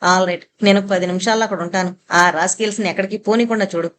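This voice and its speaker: Lady putting on a gruff old army major, barking orders, faint hiss behind. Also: steady tone, fast, close to an everyday voice. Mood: gruff scolding. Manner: booming, scolding, barks orders. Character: stern gruff older army major, male.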